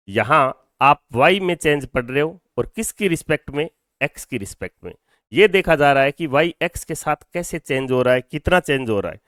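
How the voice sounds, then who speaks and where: A man's voice: medium pitch, fairly bright tone, dry recording, studio quality. Hindi-speaking man teaching physics. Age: adult over twenty-two. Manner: explains step by step, asking and answering his own questions; mixes Hindi with English phrases. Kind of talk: classroom lecture.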